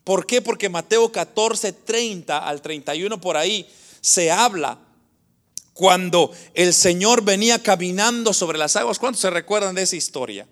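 A man delivers a sermon with a notably high voice. He speaks warmly to his listeners as brothers, building emphasis and slipping into animated retellings of scripture. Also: moderate pace. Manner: animated, acts out Bible scenes in voices; addresses congregation as brothers. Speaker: pastor.

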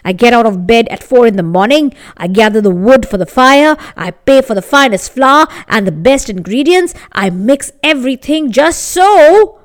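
Woman doing a furious shouting baker man. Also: on the high side, animated, moderate pace, lightly acted. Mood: indignant. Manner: accusing, indignant, insistent. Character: angry shouting male village baker.

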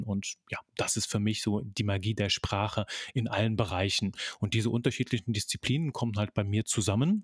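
Man, 30s, from Belgium, podcast guest, lively storyteller, lower voice, dry sound. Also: no echo. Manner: lively storytelling, casual and vivid. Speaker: guest, copywriter. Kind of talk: podcast interview.

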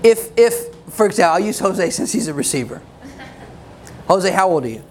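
A man preaching a sermon in a conversational way, with quick asides and laughs. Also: sits high, sing-song, a little hiss or hum. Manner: conversational, laughing asides, acts out quoted voices.

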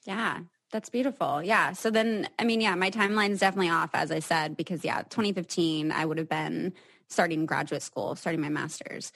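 A woman's voice: fairly low pitch, brisk, fairly bright tone. A woman in her twenties hosting a casual interview podcast, asking meandering questions and affirming her guest often. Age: 20s. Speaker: podcast host.

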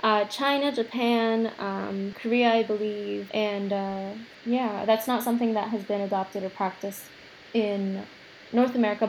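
A woman's voice: mid-range voice, darkish tone, slight background noise, low-quality recording. A young adult woman chatting casually, telling a story with plenty of fillers. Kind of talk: casual chat.

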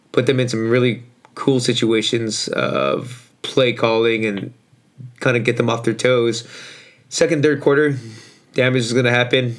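A man hosting a casual sports podcast in slangy, informal talk, his voice hoarse and worn out as if from yelling. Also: medium pitch. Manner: informal, slangy, mildly profane. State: hoarse, voice shot from overuse. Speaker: podcast host.

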